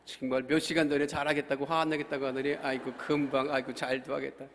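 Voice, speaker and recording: A man's voice: mid-range voice, little pitch movement, fast talker, slight background noise, voice pushed down, close to an everyday voice. A man voicing his teenage son who teases his father with mocking, sing-song scolding. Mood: teasing. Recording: long hall reverb.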